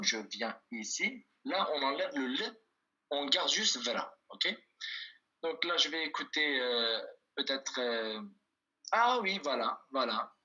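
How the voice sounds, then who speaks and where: A man teaching an online language lesson, patiently repeating words slowly and checking that his students follow. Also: fairly high pitch, sharp tone. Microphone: video call. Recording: dull lo-fi video call audio.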